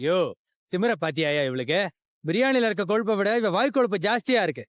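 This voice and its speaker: A man's voice: high-pitched, expressive, a little fast, dry recording. A man voicing a harsh, bossy official who bullies a street vendor in a dry-sounding drama dub. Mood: contemptuous. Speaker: official checking licenses.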